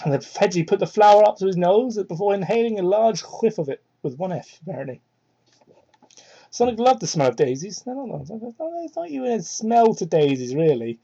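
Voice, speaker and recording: Brisk and animated, a young adult with a creaky, mellow, slightly rough voice reads fan fiction in mock-dramatic fashion and adds cursing, sardonic asides. It is recorded on a cheap microphone, sounding muffled and low-fidelity.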